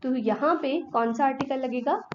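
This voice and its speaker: Lady teacher explaining articles, fairly high voice, dull lo-fi sound with a bit of hiss. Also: normal speed. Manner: asks questions and answers them herself; mixes Hindi with English words. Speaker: English teacher. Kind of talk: exam-prep grammar lesson.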